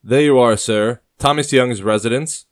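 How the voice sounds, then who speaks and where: A man's voice: mid-range voice, normal speed, pitched above the performer's own voice, lightly acted. A man voicing an eager, deferential young foot soldier at a harbor.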